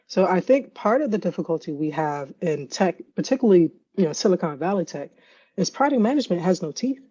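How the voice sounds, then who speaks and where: Woman guest telling stories, laughs a lot, acts out what people said, warm low-key tone, kinda muffled lo-fi audio. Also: a little fast, breathy edge. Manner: animated storyteller, laughs often, acts out quotes. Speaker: guest, AI ethicist and consultant. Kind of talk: casual conversational interview.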